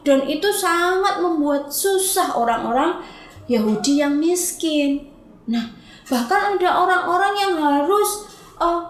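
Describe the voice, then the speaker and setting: A woman teaching Sunday school, telling a Bible story to children in a lively way and asking them questions. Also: very high voice, echoey room.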